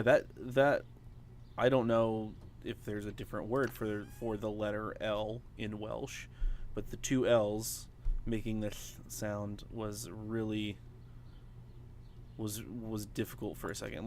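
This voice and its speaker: A man's voice: on the low side, a little hiss or hum. A man streaming a farming game, chatting casually with viewers and using lots of fillers. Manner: chatty, talks to viewers while playing, many fillers. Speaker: gaming streamer. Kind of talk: casual let's play chat.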